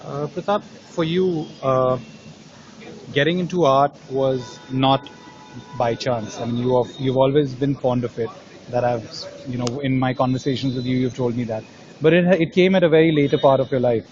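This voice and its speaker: A man's voice: medium pitch, moderate pace, dull audio, noisy background. A man interviewing an artist, asking probing questions and rephrasing them as he goes. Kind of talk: conversational interview.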